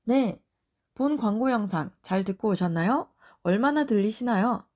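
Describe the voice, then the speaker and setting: A woman's voice: medium pitch, expressive, normal speed, darkish tone. A woman teaching English expressions in a friendly, explanatory tone. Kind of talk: lesson narration.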